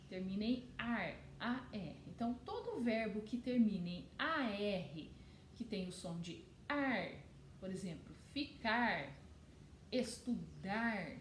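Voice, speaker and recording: Lady teacher, kinda high voice, patient, explains things slow for kids, roomy echo. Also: warm tone, slight background noise. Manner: explains slowly to children, checks with "ok?". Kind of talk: online class lesson.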